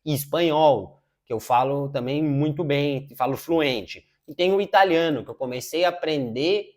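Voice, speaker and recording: Wearing a wireless lapel mic, this self-improvement YouTuber, a Portuguese-speaking man in his 30s, has a slightly high voice with a darkish tone. His casual advice talk is informal, packed with "cara" and frequent "é" filler pauses.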